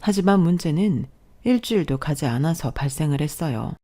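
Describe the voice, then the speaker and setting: 여성 낭독자가 1인칭 사연을 차분하고 고른 목소리로 읽어 나갑니다. 담담하게 또박또박 이야기를 풀어가는 대본 낭독입니다. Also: female voice, sits low, expressive, normal speed, warm tone. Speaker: storyteller. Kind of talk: scripted first-person story narration.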